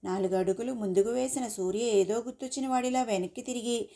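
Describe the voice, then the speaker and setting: Female storyteller, expressive scripted narration, warm mellow tone. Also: a little high, fairly quick, vocal fry.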